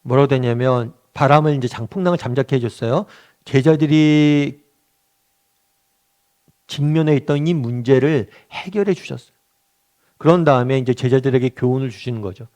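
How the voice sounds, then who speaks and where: A man's voice: medium pitch, normal speed, darkish tone. A middle-aged male pastor leading a weekly Bible study, talking conversationally, asking the group questions and acting out quotes. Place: church meeting room.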